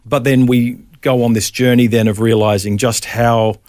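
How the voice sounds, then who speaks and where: A man's voice: medium pitch, level tone, moderate pace, a little mellow, no echo, studio quality. A middle-aged Australian man, a pastor, telling his faith story in a casual interview, with many ums and restarts.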